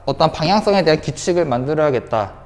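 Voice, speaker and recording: Teaching science online to high schoolers, a woman speaks rapid-fire in a low, darkish voice with lively intonation, and the sound is big-roomed. She repeats key points and asks the class rhetorical questions.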